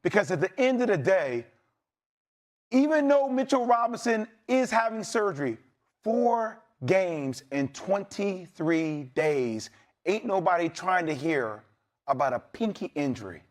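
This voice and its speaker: A fired-up man on a sports debate show, his voice sitting high. He talks in emphatic, rallying bursts that build toward shouting. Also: animated, unhurried. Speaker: sports analyst.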